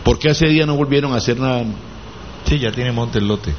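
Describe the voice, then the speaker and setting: A man's voice: mid-range voice, brisk. A man hosting a local call-in radio show, taking listeners' calls and adding short remarks. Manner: brief, affirming interjections. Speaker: radio host. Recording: dull radio sound with faint noise.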